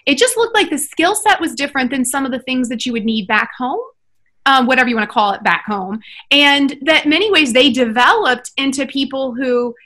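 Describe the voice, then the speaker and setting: A woman's voice: high voice, animated, a little fast, pushed and bright. A woman taking part in a panel discussion, reflecting aloud and hedging her points. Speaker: panel guest.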